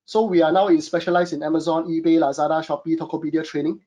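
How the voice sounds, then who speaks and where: A Singaporean e-commerce consultant runs a webinar from his home studio, talking fast in a dark, high-sitting voice with little pitch movement and a Singaporean English accent. His delivery is chatty and full of fillers, and he keeps calling the audience "guys."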